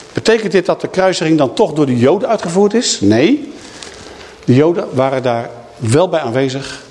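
A man preaching a Bible teaching, telling the story in a lively way and voicing the people in it. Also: mid-range voice, a little hiss or hum. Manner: lively storytelling, acting out quoted speakers. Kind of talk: sermon teaching.

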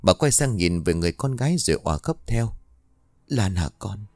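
Male storyteller, very low voice, dry close read, measured. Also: sing-song, no room sound. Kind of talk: scripted ghost-story narration.

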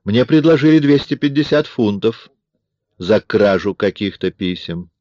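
A man voicing a cold, mocking man in an audiobook, with a smooth, coolly taunting manner. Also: fairly low pitch, animated, unhurried, a little mellow, no echo, highs cut off, voice pushed up. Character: cold, mocking man forcing himself on a woman. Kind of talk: audiobook character reading.

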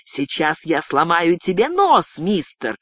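A woman reading an audiobook voices a sadistic young woman gangster, raising her voice higher and louder to taunt and threaten. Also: big pitch swings, slow pace, no room sound, clean studio sound, heavily acted. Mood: menacing. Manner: mocking, menacing, gloating.

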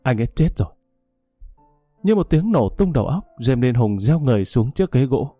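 Man, storyteller, mellow warm voice, dry close sound, faint music behind. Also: mid-range voice, big pitch swings, a little fast, dry recording. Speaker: narrator. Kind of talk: scripted story narration.

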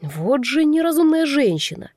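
A woman's voice: a little high, expressive, moderate pace, darkish tone, dry recording, clean studio sound. A woman voicing a cold, scornful young man, nicknamed the snake, in an audiobook, delivering his lines curtly and with a sneer. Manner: curt and sneering. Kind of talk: audiobook character reading.

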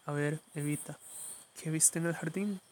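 A man's voice: fairly high pitch, fairly even intonation, moderate pace, slight background noise, close to an everyday voice. A man reading a story, voicing a pushy, sly police officer who coaxes a child in a sugary tone. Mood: coaxing. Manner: sugary coaxing turning sharp.

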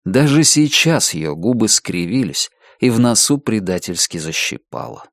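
A man's voice: on the low side, dry recording. Man narrating an audiobook in a dry, close studio sound. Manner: measured, expressive reading that slows down for emphasis.

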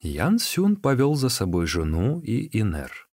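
A man's voice: lowish voice, wildly swooping pitch, measured pace, darkish tone, slight background noise. A man reading a classic novel aloud as narrator, expressively. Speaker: audiobook narrator. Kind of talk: scripted narration.

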